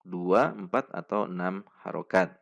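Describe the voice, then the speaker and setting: A man teaching Quran recitation rules in a patient lesson, pausing to demonstrate each sound slowly and having listeners repeat it. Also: deep voice, vocal fry, highs cut off.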